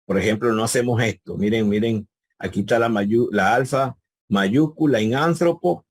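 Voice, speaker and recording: A man's voice: mid-range voice, moderate pace, no echo. A man teaching a live online Greek class over a video call, patiently repeating key words and quizzing his students.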